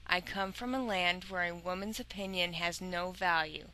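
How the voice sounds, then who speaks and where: A woman's voice: fairly low pitch, moderate pace, pushed and bright, low-quality recording. A woman reading an audiobook, voicing a defiant young woman held prisoner. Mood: pleading. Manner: defiant, then pleading through tears.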